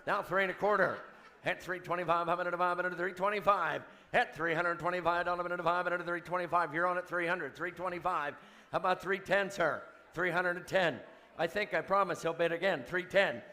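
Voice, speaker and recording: A man is calling a live charity auction as the auctioneer. His voice is fairly high and cuts through brightly. He rolls through the numbers in a rhythmic chant and drops in joking remarks to the bidders. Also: steady tone, fairly quick. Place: event hall, live before an audience.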